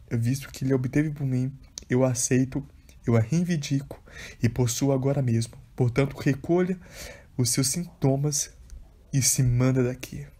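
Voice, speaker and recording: Husky-voiced man reading a devotional book. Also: mid-range voice, mellow. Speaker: audiobook reader.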